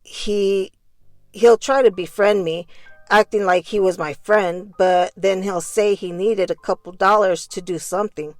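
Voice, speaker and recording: A woman's voice: mid-range voice, steady tone, measured pace, no echo, faint music behind. A woman reading out courtroom testimony in question-and-answer form.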